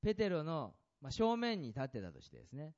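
A male pastor preaching to his congregation with a very animated, rising and falling voice, pitched a little high for a man. He asks the listeners questions and moves between loud and hushed passages. The sound is dull and lo-fi. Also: a little fast. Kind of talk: sermon.

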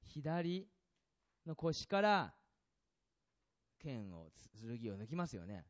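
A man preaching a sermon as a pastor, asking the congregation questions and swinging between loud and soft passages. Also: mid-range voice, very animated, slow pace, highs cut off.

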